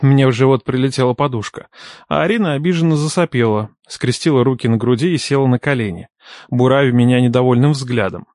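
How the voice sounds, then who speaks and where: A man's voice: medium pitch, brisk, darkish tone, no echo, studio quality. A young man narrating an audiobook in the first person, in a playful, teasing and ironic way.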